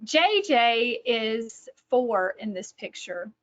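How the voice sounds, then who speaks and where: Animated yet slow-paced, a Texan-accented woman of middle age speaks in a somewhat high voice during an informal online talk. As a speaker, educator and author, she mixes in personal stories, thinking aloud and correcting herself. The call audio is a little dull and lo-fi.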